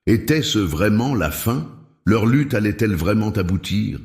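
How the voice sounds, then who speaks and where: Deep-voiced man narrating a dark tale. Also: animated. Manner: slow, suspenseful storytelling. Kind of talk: dramatic scripted narration. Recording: roomy echo.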